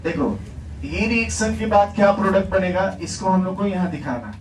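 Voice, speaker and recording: A man lecturing a classroom on chemistry, his voice sitting high as he fires questions and answers them himself, repeating the key words. He is caught from across an echoey room by a distant mic. Steady background noise runs under everything he says. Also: moderate pace. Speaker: chemistry teacher.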